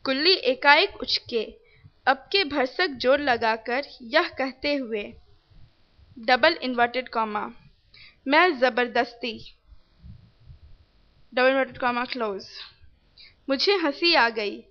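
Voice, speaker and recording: A woman reading a novel aloud, plainly, even speaking the punctuation marks. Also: high-pitched, slow, pauses often. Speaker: reader. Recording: dull lo-fi recording.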